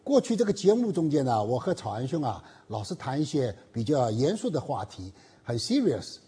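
A man hosts a political commentary chat, asking questions and arguing back. His voice is very husky and dark. His pitch swings widely as he speaks. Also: sing-song, normal speed. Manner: leads the talk with questions and rebuttals. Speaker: host.

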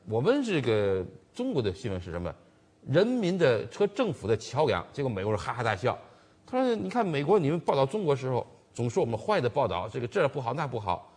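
A man co-hosts a political chat show and retells events quickly. He restarts often and fills gaps with hesitations. His slightly husky voice rises and falls in a lively way. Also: mid-range voice. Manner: rambling retelling with many restarts and fillers. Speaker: co-host, commentator.

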